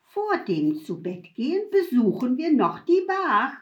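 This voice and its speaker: A woman's voice: wildly swooping pitch, a little slow, dull audio, heavily acted. A woman voicing a mischievous, thrill-seeking inner voice that taunts and eggs on in an audiobook. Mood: taunting. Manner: shrill, loud, taunting. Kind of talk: audiobook reading.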